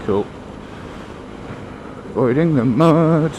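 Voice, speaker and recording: A man's voice: fairly high pitch, animated, takes it slowly, darkish tone, highs cut off, slight background noise. A man chatting casually while riding a motorbike, talking into a helmet mic in a waffly, self-deprecating way. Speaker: motorcycle vlogger. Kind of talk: casual rambling chat.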